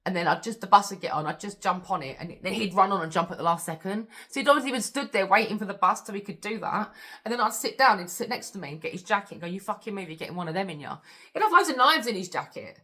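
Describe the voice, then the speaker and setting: Blunt, bright-voiced woman. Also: mid-range voice, animated, fast talker. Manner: blunt, swears freely, candid and intense. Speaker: vlogger. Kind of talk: confessional storytelling to camera.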